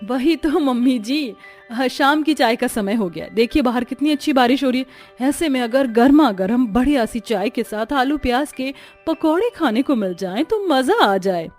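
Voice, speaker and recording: A woman's voice: high voice, expressive, moderate pace, a little mellow, faint music behind. A woman doing a lazy, coaxing young wife. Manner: coaxing, dramatic. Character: lazy playful young wife, sister-in-law. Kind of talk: cartoon story voice acting.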